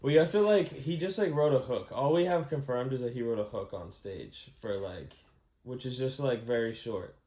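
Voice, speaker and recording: A man's voice: mid-range voice, normal speed, mellow. A young man co-hosting a podcast in casual chat, laid-back and agreeable, with easy slang. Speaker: podcast co-host. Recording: roomy with faint background noise.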